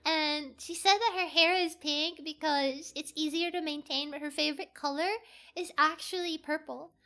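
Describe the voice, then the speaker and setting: A streamer chatting casually on a livestream, telling a story in an excitable, rambling and giggly way over faint background music. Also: high-pitched, moderate pace. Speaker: VTuber streamer.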